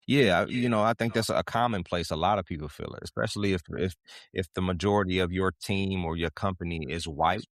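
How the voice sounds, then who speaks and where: A man with a very low voice co-hosts a podcast in casual conversation. He tells stories in a measured, reflective way. The sound is close and dry, with no room around it. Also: no room sound. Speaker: podcast co-host.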